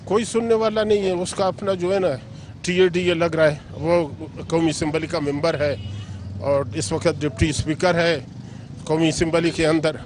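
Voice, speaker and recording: A man's voice: a little high, little pitch movement, moderate pace, a little mellow, a little hiss or hum. Bitter man complaining. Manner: bitter, emphatic, listing grievances. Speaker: local resident interviewed. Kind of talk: vox pop complaint.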